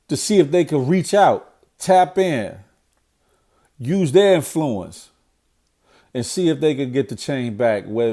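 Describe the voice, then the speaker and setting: A middle-aged vlogger, medium-pitched and mellow, sounds nasal and congested as though he has a cold. He holds forth on current events in a blunt, preachy monologue. He repeats himself as he gets more worked up.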